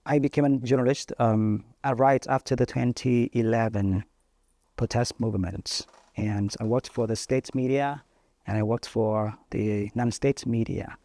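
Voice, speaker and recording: A man in his thirties from northern Vietnam, a native Vietnamese speaker, answering interview questions thoughtfully with frequent pauses and fillers. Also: medium pitch, steady tone, warm tone, no room sound. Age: 30s. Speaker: journalist guest.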